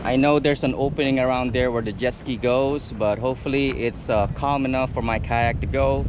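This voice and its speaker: A man narrating a casual vlog, halting and often pausing mid-sentence. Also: medium pitch, steady tone. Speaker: kayak fishing vlogger. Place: outdoors at a beach by the water. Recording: outdoor water and wind noise.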